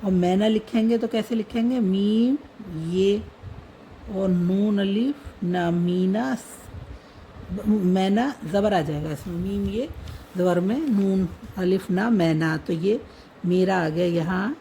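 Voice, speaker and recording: A woman teaching how to write words in a script, spelling out each letter slowly and repeating the words as she goes. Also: mid-range voice, warm tone, a little hiss or hum, low-quality recording. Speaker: language teacher. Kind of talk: slow step-by-step writing lesson.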